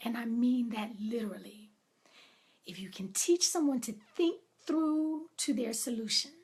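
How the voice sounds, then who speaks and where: A woman with a fairly high voice gives a reflective motivational talk, speaking deliberately and emphatically with long pauses and soft asides.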